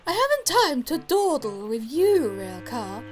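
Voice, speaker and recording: Elizabeth, a man doing a shrill snooty lorry. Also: wildly swooping pitch, a little slow, soft background music, heavily acted. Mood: haughty. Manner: boastful, snooty, then meek. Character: haughty old female steam lorry.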